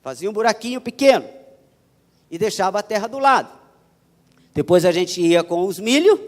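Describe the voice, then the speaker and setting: A man preaching a sermon as a pastor, with a Paulista accent and an emphatic style that repeats phrases. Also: high voice. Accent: Paulista Portuguese. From São Paulo, Brazil. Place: church. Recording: church hall reverb.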